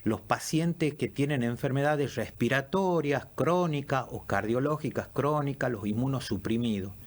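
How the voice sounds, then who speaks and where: A man, a lung doctor answering questions in a radio interview, measured and explanatory with frequent fillers. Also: medium pitch. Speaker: pulmonologist guest.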